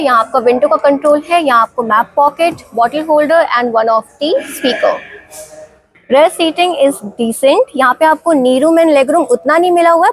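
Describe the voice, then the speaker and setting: High-voiced Indian woman reviewing a car. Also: dry recording, poor audio. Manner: mixes Hindi with English phrases; explains each feature in turn. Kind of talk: walk-around car review narration.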